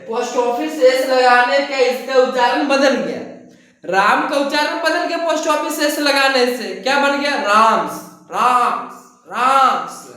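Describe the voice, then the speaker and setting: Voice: high voice, a bit bright. A teacher giving a classroom grammar lesson who repeats each point and keeps asking rhetorical questions, recorded in a classroom from a distance. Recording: echoey room, mic far off.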